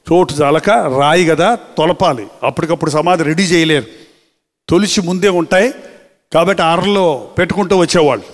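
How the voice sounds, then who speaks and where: A man preaching a sermon as pastor, drawing out words slowly for emphasis and quoting scripture. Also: fairly high pitch, in a large hall. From India. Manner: preaching with slow, drawn-out emphasis and quoted scripture.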